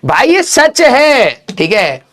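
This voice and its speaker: A man teaching a class breaks off into a funny childhood story, his high voice leaping up and down. He tells it in an animated way and keeps asking his students a quick "okay?" as he goes.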